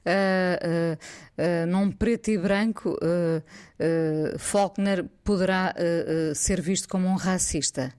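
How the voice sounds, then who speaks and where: A woman's voice: lowish voice, steady tone, slow pace, darkish tone, smooth. Portuguese woman hosting a radio talk, asks questions, some ehs in between. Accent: European Portuguese. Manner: asks questions with hesitant fillers. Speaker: host. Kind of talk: radio interview.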